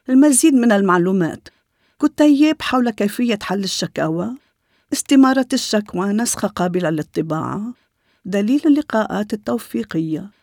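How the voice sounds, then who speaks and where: A woman reading a scripted public information narration in a formal, measured manner. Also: medium pitch, darkish tone, no echo, clean studio sound.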